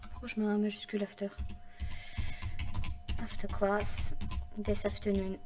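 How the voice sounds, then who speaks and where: A woman's voice: medium pitch, monotone, unhurried, background noise. A woman talking through her modding work on a game in casual commentary, muttering to herself as she types and making chatty asides to viewers. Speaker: game modder.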